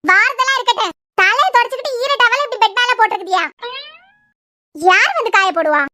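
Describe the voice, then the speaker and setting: A woman's voice: very high voice, expressive, fairly quick, pushed and bright, no room sound, studio quality, full character voice. A woman with a Kanyakumari Tamil accent voicing a sulky, sarcastic young wife in a cartoon series. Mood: curt. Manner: curt, sarcastic. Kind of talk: cartoon web series voice acting.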